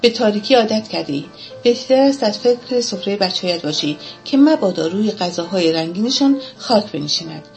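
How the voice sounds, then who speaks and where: A woman's voice: medium pitch, lively intonation, darkish tone, faint music behind, natural voice. Woman doing little violet flower, cheeky, blunt, storybook voice. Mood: mocking. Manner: mocking, outspoken. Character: small bold female violet flower.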